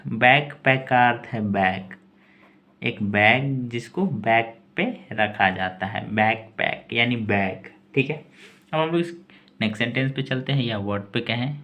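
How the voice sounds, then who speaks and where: Guy teaching english words super slow, spells each one out, repeats a lot, mid pitched voice. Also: muffled recording. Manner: spells words letter by letter and repeats them slowly. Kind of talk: slow pronunciation lesson.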